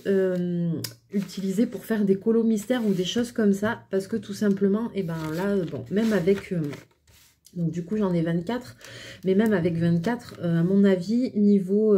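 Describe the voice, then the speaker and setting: French girl slowly chatting thru a pen review, mellow voice, lots of euhs. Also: medium pitch, slight background noise. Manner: hesitant, many fillers, chatty and relaxed. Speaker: craft vlogger reviewing pens. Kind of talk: casual product review.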